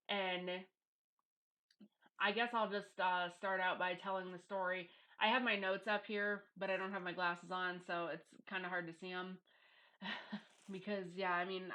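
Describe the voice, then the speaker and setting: A woman's voice: mid-range voice, a bit bright. A middle-aged woman talking casually and bluntly in a confessional video monologue, self-deprecating, recorded on a headphone mic in a home office. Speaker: YouTube vlogger. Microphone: headphones used as microphone.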